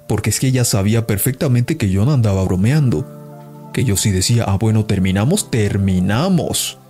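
A man's voice: mid-range voice, a little mellow. A man hosting a podcast, talking in a casual, preachy monologue straight at his listeners. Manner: preachy, addresses listeners directly. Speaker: podcast host.

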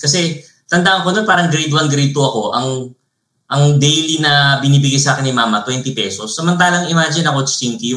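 A man with a Filipino accent, a podcast guest who tells lively stories and keeps tagging his phrases with a questioning "no?". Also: mid-range voice. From Philippines. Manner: animated storyteller, mixes Tagalog and English, tags phrases with "no?". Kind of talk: casual interview storytelling. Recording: roomy echo.

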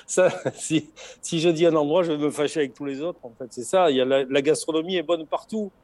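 A man's voice: fairly high pitch, a little fast, a little mellow, no room sound. Expansive man with a southern French accent. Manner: expansive, lots of restarts and repeated words. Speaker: guest, former race logistics organizer. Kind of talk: casual interview chat.

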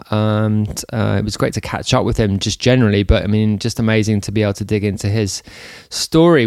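A man hosting a podcast, talking in a relaxed, rambling way with many fillers. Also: on the low side, creaky, dry recording, clean studio sound. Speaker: podcast host. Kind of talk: casual podcast chat.

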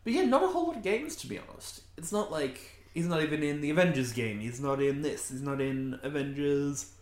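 A man's voice: fairly high pitch, lively intonation, a little fast. A man speaks casually as a podcast co-host, and his voice rings in an echoey room. He makes blunt, dry remarks and rattles off lists in a matter-of-fact way. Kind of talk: casual chat about games and films.

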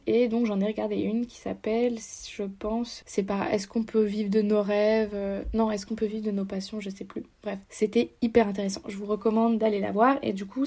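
A woman's voice: medium pitch, vocal fry, warm tone. A young woman from France, hosting a podcast in a chatty, rambling way full of fillers. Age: young adult. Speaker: podcast host. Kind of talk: casual podcast chat.

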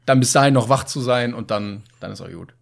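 A man's voice: medium pitch, a little fast, creaky. A man co-hosting a podcast in casual chat, dropping dry jokes. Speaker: podcast co-host.

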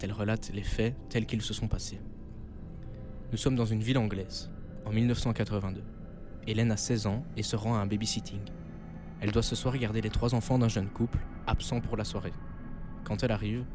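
A young man, co-host of a radio show, telling a scary story in a steady, measured way. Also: on the low side. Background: eerie background music.

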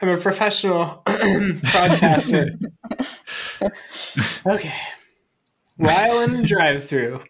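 A man's voice: high voice, takes it slowly, pauses often, a crowd in the background. A man co-hosting a podcast who reads a summary aloud and keeps breaking into wheezing laughter. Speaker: podcast co-host.

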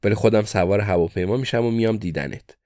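A man's voice: on the low side, warm tone, no echo, clean studio sound, close to an everyday voice. A man voicing a young American crime-family heir who makes threats but sounds sheepish. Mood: blustering threat.

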